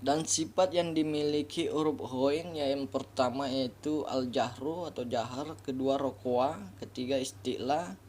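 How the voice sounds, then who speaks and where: Male reading tutor, unhurried, repeats each sound, slight background noise. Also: mid-range voice, fairly even intonation, darkish tone. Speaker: Quran reading teacher. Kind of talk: slow step-by-step recitation lesson.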